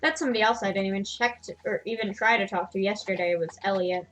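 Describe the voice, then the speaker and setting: A woman's voice: medium pitch, fast talker, faint music behind. A woman streamer giving casual, self-deprecating commentary while playing a farming game. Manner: chatty, self-deprecating, laughs at herself.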